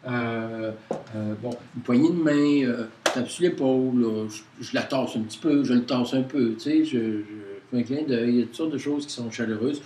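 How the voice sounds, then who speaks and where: A man with a Quebec French accent leads an informal workshop, talking to a small group in a halting way full of hesitations and restarts. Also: mid-range voice, warm tone. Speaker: workshop leader. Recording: roomy, distant mic with faint noise.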